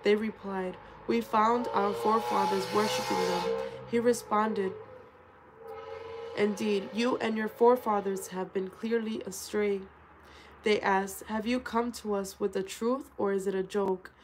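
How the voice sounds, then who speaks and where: A woman's voice: medium pitch, steady tone, measured pace, noisy background. A woman reading a scripture translation aloud, calling out verse numbers and stumbling over words, then correcting herself as she goes. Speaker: scripture reader.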